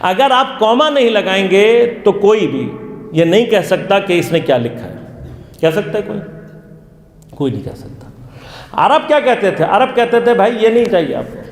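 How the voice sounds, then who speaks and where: A man's voice: sits high, lively intonation. A male religious lecturer giving an interactive lesson, asking his listeners questions and then answering them himself. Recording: echoey hall.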